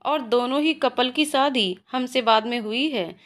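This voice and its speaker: A playful young husband teases his wife in a quiet, lowered voice, as a woman storyteller reads him. He sounds relaxed and amused, with a gently mocking manner. The pitch still sits a little high. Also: a little slow. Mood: teasing.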